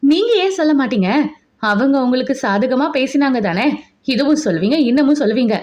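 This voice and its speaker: A woman's voice: high voice, expressive, fairly quick. A woman doing a stubborn, angry young wife. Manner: sharp and snapping. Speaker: nurse. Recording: dull lo-fi recording.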